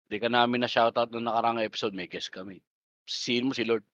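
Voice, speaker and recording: A man's voice: mid-range voice, fairly even intonation, fast, a bit bright, no room sound, lo-fi sound. A young Filipino man co-hosting a podcast, bantering loosely with lots of swearing and laughter. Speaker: podcast co-host. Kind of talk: casual chat.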